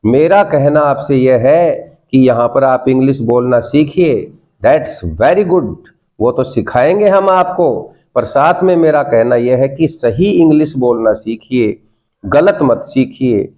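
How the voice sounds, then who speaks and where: A man's voice: mid-range voice, takes it slowly, warm tone. A man with an Indian accent teaching a spoken English class, coaxing the students and repeating prompts for them to say back. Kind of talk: classroom lesson.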